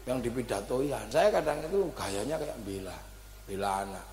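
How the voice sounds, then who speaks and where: A man's voice: mid-range voice, normal speed, slight background noise. A man giving a humorous sermon to an audience, telling comic stories. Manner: animated comic storytelling with audience laughter. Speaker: preacher. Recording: echoey hall with long reverb.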